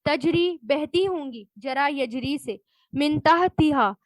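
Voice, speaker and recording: A woman's voice: high voice, expressive, no room sound, low-quality recording. A woman Quran teacher, giving a word-by-word lesson and glossing each recited Arabic word.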